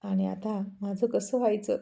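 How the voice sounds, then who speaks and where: A woman voicing an upset young wife who complains in exasperation, speaking with a gravelly, dark voice. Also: medium pitch, fairly even intonation, moderate pace. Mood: exasperated.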